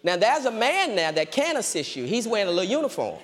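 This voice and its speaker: A male pastor preaches with a high, very lively voice, hammering home his points by saying them again and again. His sermon rings with the long reverb of a large hall. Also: quick pace. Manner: preacherly, repeats phrases for emphasis.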